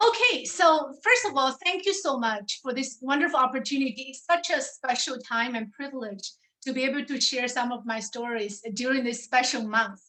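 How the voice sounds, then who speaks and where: A woman's voice: high-pitched, normal speed, poor audio. A woman in her forties from China, a professor telling her life story on a video call and often asking "right?". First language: Chinese. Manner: warm storytelling, tag questions like "right?". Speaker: professor and panel speaker. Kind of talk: personal presentation on a video call.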